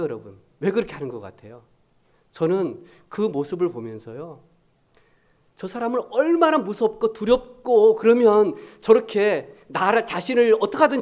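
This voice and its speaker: A man preaching a Sunday sermon in a conversational way, alternately rising with emphasis and dropping to a soft, low voice. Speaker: pastor.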